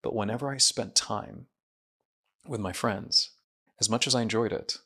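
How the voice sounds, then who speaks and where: Gravelly, bright-voiced man. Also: on the low side, normal speed. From Saudi Arabia. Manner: earnest and introspective, with small restarts. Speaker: guest, mind researcher and coach. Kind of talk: reflective interview talk.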